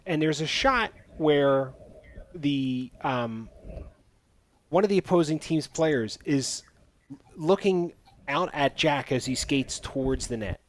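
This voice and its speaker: A man's voice: on the high side, lively intonation, slow pace. A man hosting a casual podcast, recapping a movie's plot with sarcastic asides. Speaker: podcast host. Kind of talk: casual movie review chat.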